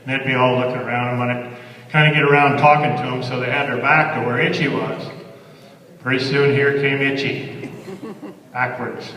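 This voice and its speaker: A man's voice: medium pitch, steady tone, moderate pace, pauses often, bright, forceful tone. An older man with a rural Western American accent and a folksy cowboy drawl, telling wry, rambling stories and reciting cowboy poetry to a live gathering. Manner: wry, rambling, colloquial delivery. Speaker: cowboy poet. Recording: echoey hall, voice far from mic.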